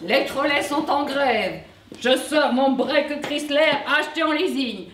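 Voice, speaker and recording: Blunt high-voiced woman. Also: animated, a little slow, a bit bright, slight background noise. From Vosges, France. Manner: blunt, folksy, mocking. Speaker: sketch performer. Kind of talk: comic stage monologue. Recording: echoey room from far off.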